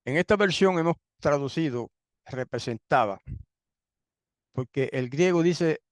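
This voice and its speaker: Male Bible teacher, fairly high voice, dry recording; insistent sermon delivery with rhetorical questions, repetition and throat clearing. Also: measured pace, no room sound. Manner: frequent throat clearing, rhetorical questions, repeats points for emphasis.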